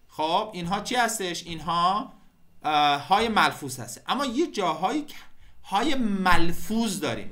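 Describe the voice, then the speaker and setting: A man with an Iranian Persian accent giving a screen-recorded software tutorial, talking the viewer through each step with frequent fillers. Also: high voice.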